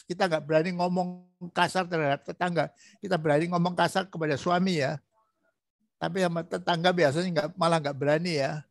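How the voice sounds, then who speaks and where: A man training a student in preaching, asking patient prodding questions and acting out gentle examples. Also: on the high side, fairly even intonation, brisk, gravelly, dry recording. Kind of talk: coaching a student in preaching practice.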